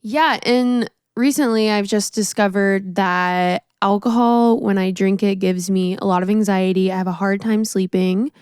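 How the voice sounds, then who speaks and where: A woman in her late twenties chats casually as a podcast co-host, reflective and relaxed, with lots of fillers. Her voice is smooth and clear. The sound is dry and close. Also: mid-range voice, unhurried, hardly any pauses, no echo. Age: 20s. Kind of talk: casual chat.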